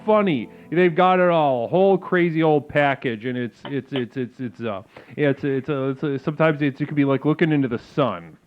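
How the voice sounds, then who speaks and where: A man's voice: mid-range voice, fairly quick, few pauses, highs cut off, soft background music. A man hosting a show, joking around in a theatrical, casual chat with a caller. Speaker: host.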